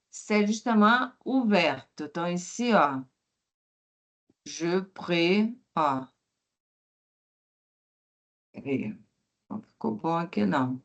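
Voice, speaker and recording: Slow-drilling woman teaching French. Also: fairly low pitch. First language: Portuguese. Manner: repeats words slowly for pronunciation drills; switches between French and Portuguese explanations. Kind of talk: online language lesson.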